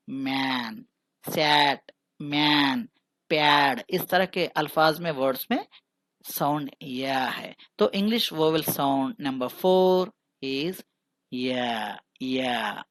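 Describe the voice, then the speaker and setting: A man teaching English pronunciation who asks the listener questions, answers them himself, and drills each word slowly by repeating it. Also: fairly high pitch, a bit bright, no echo. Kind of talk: recorded pronunciation lesson.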